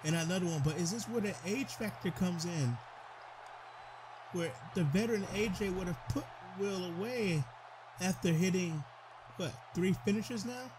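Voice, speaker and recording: Excitable high-voiced male game commentator. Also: normal speed, noisy background. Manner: excitable, stumbles over words, talks to the wrestlers. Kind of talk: play-by-play commentary over a video game.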